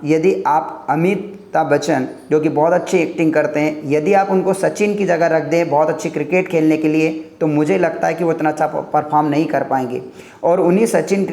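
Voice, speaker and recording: A teacher whose first language is Hindi gives his viewers an earnest motivational talk on career choices, stacking his points in lists. His voice is fairly high with a darkish tone, and the recording sounds roomy.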